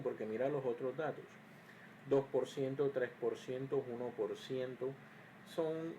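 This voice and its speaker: A man's voice: mid-range voice, mellow, a little hiss or hum, rough recording. A man teaching an electrical circuits lesson, explaining step by step with frequent fillers and restarts, sometimes muttering to himself as he checks his work. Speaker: engineering teacher. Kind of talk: screen-recorded lesson.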